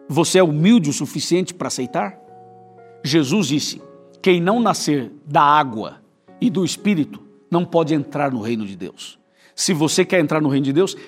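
Husky-voiced Brazilian pastor preaching intimately. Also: male voice, on the high side. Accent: Brazilian Portuguese. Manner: intimate, inviting address to the viewer; repetitive rhetorical questions. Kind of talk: evangelistic sermon.

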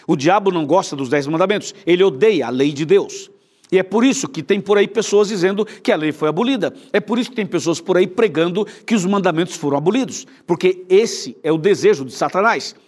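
High-voiced Brazilian pastor preaching emphatically. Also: male voice. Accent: Brazilian Portuguese. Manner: emphatic, questioning the viewer directly. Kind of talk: sermon.

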